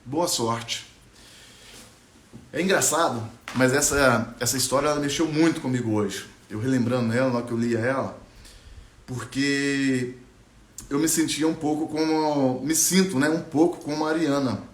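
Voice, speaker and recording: A man telling a story in a relaxed, reflective way. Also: mid-range voice, normal speed, roomy sound. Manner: relaxed, reflective, with many fillers. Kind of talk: spoken storytelling.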